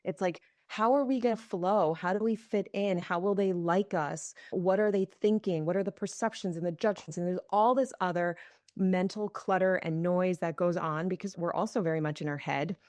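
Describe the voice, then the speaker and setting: Low-voiced woman podcast host, musing. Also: normal speed, darkish tone, no room sound. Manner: earnest, musing, asks open questions. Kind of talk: reflective podcast conversation.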